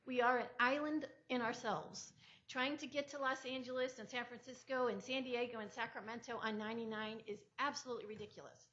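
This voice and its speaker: A woman's voice: on the high side, steady tone, brisk, fairly bright tone. Impassioned older woman at a podium. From Central Valley, California. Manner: earnest and impassioned, rising in force. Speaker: public commenter. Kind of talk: public testimony at a board meeting. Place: public hearing room. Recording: muffled meeting-room audio.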